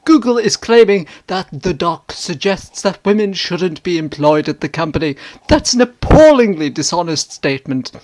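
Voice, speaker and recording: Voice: medium pitch, animated, moderate pace, darkish tone, lightly acted. Someone doing a hammy theatrical actor voice, outraged and grandiose, dramatic reading of comments. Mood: indignant, grandiose.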